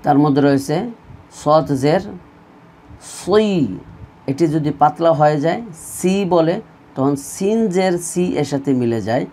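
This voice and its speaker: A man's voice: on the high side, unhurried, pauses often, mellow. A man teaching an online Quran reading lesson, drilling letter sounds in pairs and having students repeat after him. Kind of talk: slow recorded online lesson.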